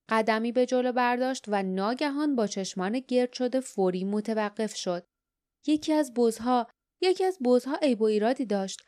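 Clear-voiced woman reading an audiobook. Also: mid-range voice. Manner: steady storytelling reading. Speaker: audiobook narrator. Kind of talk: scripted audiobook narration.

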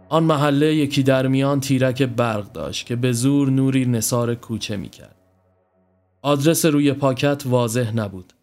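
A man's voice: medium pitch, a little mellow. A man steadily reading a horror story aloud as narrator.

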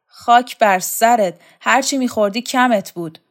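Woman doing a shrill scolding bossy woman. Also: natural voice. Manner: shrill, loud, insulting.

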